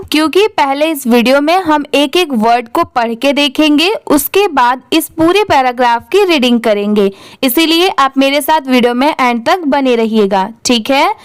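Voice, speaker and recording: A woman's voice: sits high, no room sound. A young woman teaching English reading, spelling each word out letter by letter and checking in often with her students.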